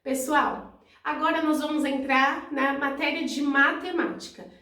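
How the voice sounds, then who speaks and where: A young adult woman teacher with a Brazilian Portuguese accent, slowly and clearly explaining workbook answers to her pupils. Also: high voice, fairly even intonation, pushed and bright. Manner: slow, clear, didactic, spelling out syllables. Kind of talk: reading and explaining a school workbook.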